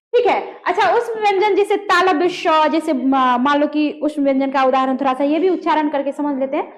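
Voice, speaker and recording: A woman teaching a grammar lesson, demonstrating sounds aloud and quizzing her students. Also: high-pitched. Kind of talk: classroom lesson on pronunciation.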